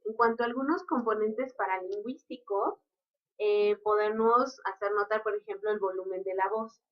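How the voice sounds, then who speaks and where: A woman explains her points in an unhurried, teaching manner. Her voice sits in the middle range for a woman. The recording is dull and lo-fi. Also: mid-range voice, fairly even intonation. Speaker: lecturer. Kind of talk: recorded lecture.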